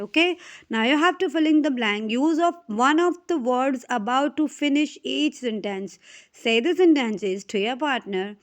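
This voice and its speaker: A woman with a Pakistani accent teaching young children phonics, reading words aloud and checking understanding with frequent questions. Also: sits high. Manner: mixes English reading with Urdu-Hindi explanation, asks checking questions. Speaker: English teacher. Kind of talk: classroom lesson explaining phonics.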